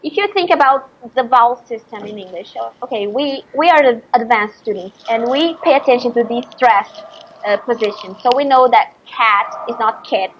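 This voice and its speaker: Brazilian woman explaining pronunciation, slightly higher voice. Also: normal speed, muffled recording, slight background noise. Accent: Brazilian Portuguese. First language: Portuguese. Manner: explanatory, gives examples. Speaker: interviewee, English teacher. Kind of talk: casual interview.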